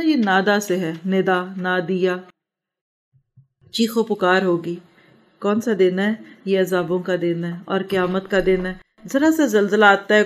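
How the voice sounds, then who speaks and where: An earnest woman giving a Quran lesson, her voice sitting at an ordinary middle pitch. She recites the verses slowly, then explains them, asking rhetorical questions as she goes. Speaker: Quran teacher. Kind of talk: Quranic commentary lecture.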